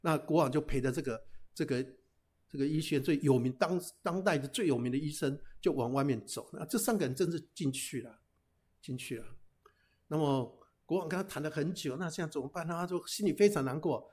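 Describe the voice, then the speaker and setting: A man telling a folk tale aloud in a lively, chatty way, with frequent hesitations and restarts. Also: on the high side, a little fast, husky. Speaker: storyteller.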